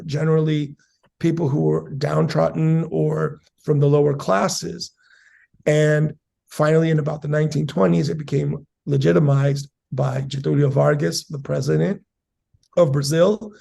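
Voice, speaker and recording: A man in his forties from South San Diego, a capoeira master answering interview questions in a measured, academic way with many fillers. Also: on the high side, level tone, gravelly, darkish tone. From South San Diego, USA. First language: Spanish and English.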